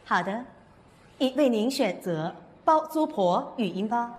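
A woman playing a polite, composed car navigation assistant with measured, neutral announcements in a comedy sketch. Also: a little high, animated, a little mellow. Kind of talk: comedy sketch stage acting.

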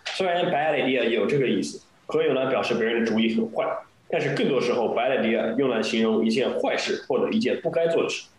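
A man's voice: mid-range voice, fast talker, slight background noise. A man teaching English phrases in Chinese, explaining them patiently and reading dialogue lines. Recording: very echoey room.

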